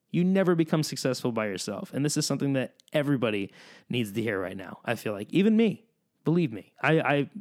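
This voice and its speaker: A man talking alone into the mic as a podcast host, with a middle-pitched voice. He speaks bluntly and with heat, rants about his industry, then eases into warm reassurance. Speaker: musician. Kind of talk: solo podcast monologue.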